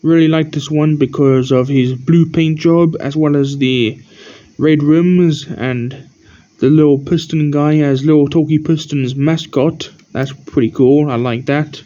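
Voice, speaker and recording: A tired man who keeps yawning gives a rambling, halting show-and-tell of his toy collection as the channel host, pointing out details one by one. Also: on the high side, steady tone, warm tone. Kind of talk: casual show-and-tell narration. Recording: dull lo-fi recording.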